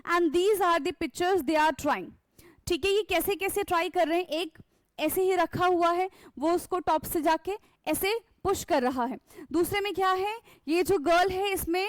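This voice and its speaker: A woman teaching a science lesson with an Indian English accent, explaining step by step and answering her own questions, reading English sentences slowly and switching to quicker Hindi. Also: very high voice, dry recording. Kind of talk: classroom lecture mixing Hindi and English.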